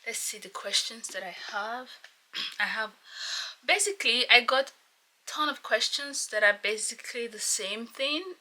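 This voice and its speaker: A Nigerian woman in her thirties with a Nigerian accent, chatting casually to her camera at home while doing her makeup, keeping her voice soft. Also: fairly high pitch, a little slow. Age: 30s. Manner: rambling, chatty, with fillers and laughs; talks softly so as not to wake someone. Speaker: vlogger. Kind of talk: casual get-to-know-me chat. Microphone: camera mic. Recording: loud background guitar music.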